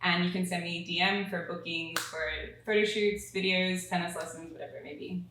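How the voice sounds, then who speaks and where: A woman's voice: fairly low pitch, steady tone, a little fast, a bit bright, very echoey, a little hiss or hum, rough recording. Giggly woman with an Australian accent. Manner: giggly, chatty. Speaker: guest. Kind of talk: casual interview.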